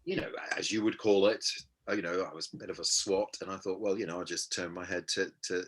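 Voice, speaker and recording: Speaking low with fairly even intonation and a slightly rough voice, a man in his fifties from Hampshire, England, tells childhood stories as an interview guest. The casual conversation finds him halting, self-deprecating, and heavy on fillers.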